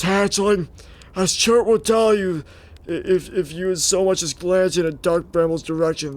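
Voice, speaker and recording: A man voicing a gruff old male space explorer who tells a drawling, folksy story in a rough, strained old-man voice. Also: high-pitched, natural voice. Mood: earnest.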